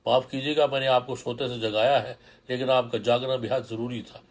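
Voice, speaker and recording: A man's voice: mid-range voice, steady tone, close to an everyday voice. A man voicing a polite, pleading young woman in a burqa who arrives at night in a horror story.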